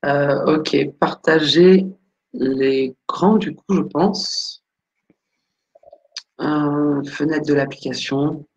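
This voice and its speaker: A woman's voice: low-pitched, steady tone, very slow, highs cut off. Hesitant woman coach on a video call. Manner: hesitant, many fillers, thinking aloud while searching files. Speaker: career coach. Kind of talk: live webinar Q&A answers.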